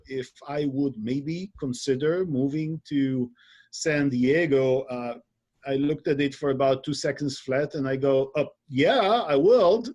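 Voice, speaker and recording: A man's voice: fairly high pitch, darkish tone. A middle-aged man from Israel, telling his story with jokey asides in a casual webinar conversation. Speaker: webinar co-host.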